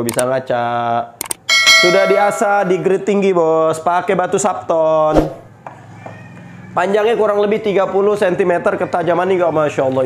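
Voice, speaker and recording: A high-pitched man with a cold-stuffed nose chats cheerfully while displaying knives he's selling, mixing pious exclamations into his patter. It's a casual product showcase, and the recording has a little hiss or hum.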